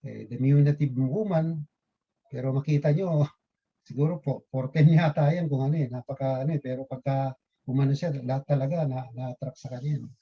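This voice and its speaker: A man's voice: mid-range voice, steady tone, normal speed, breathy edge. A man giving a casual religious talk to fellow believers, rambling with many fillers and tag questions. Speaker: lay preacher. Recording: dull lo-fi recording.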